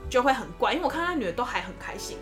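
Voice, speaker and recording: A young adult woman, a nurse telling a story in a casual podcast chat, expressive and animated. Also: very fast, music in the background. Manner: expressive storyteller, lively swings in pitch.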